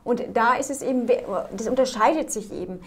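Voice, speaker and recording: A woman's voice: a little high, a little fast. Woman host asking follow-up questions. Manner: affirming, asks follow-up questions. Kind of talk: interview.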